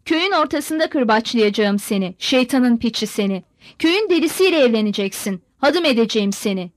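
A woman's voice: high-pitched, expressive, brisk, dry recording, studio quality. A woman reader voicing a raging, cursing old Cossack father who roars threats at his son. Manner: roaring, cursing.

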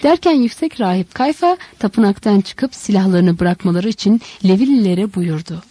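A woman reads a literary novel aloud in measured, dramatic narration. Her voice is warm and mellow, and the recording is dry and close. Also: mid-range voice, lively intonation, husky, no echo, poor audio. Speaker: audiobook narrator.

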